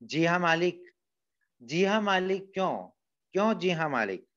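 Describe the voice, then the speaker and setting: A man voicing an angry male employer who shouts at his maid, loud and trembling with anger, on a dull lo-fi recording. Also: medium pitch, expressive, measured pace, close to an everyday voice. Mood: sputtering angry.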